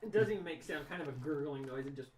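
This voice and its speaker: A man's voice: on the high side, expressive, quick pace. A man running a tabletop game as dungeon master, narrating the action in a loose, descriptive way. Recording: echoey room mic from a distance, noisy.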